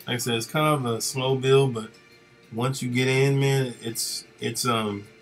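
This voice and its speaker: A man casually chatting with viewers of his live stream while he works, relaxed and rambling with lots of fillers. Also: mid-range voice, measured pace, faint music behind.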